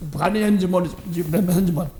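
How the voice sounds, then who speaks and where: In an echoing church sanctuary, this middle-aged pastor delivers a dawn sermon built around a personal anecdote, performing the characters' voices and laughing self-deprecatingly throughout. He talks very fast in a high-pitched voice.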